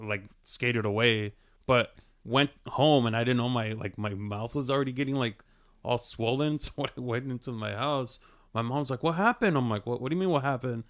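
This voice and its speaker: Man, 30s, smooth clear voice, easygoing podcast storyteller. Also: mid-range voice, a bit bright. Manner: laid-back, storytelling with lots of fillers. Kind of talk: casual storytelling in a podcast chat.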